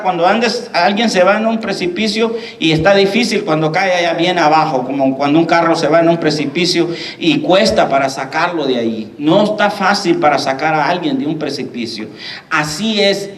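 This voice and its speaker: High-voiced preaching pastor, echoey hall. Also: male voice, a bit bright, far from the mic. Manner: preaching with rhetorical questions to the congregation. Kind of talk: sermon.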